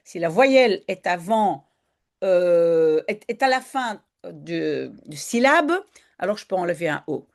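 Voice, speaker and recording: A woman's voice: lowish voice, lively intonation, measured pace, gravelly. A woman teaching Dutch, patiently correcting a student's writing and explaining the grammar step by step.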